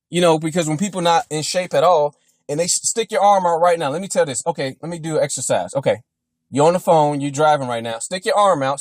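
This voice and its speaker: A man's voice: on the high side, no echo, studio quality. A young man, a fitness vlogger delivering a blunt, mocking motivational rant full of swearing.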